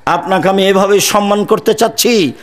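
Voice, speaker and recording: A middle-aged male Islamic preacher from Bangladesh delivering a fiery sermon, forceful and declamatory, swinging from loud high preaching to low quiet asides. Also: moderate pace. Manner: says he speaks harshly on purpose.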